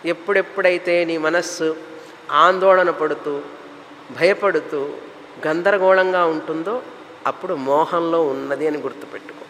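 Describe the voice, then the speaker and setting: Male spiritual teacher, explanatory, lists ideas in runs; fairly high voice, hall reverb. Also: measured pace, pauses often, a bit bright, a little hiss or hum. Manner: explanatory, lists terms in runs, mixes English words. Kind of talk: spiritual discourse.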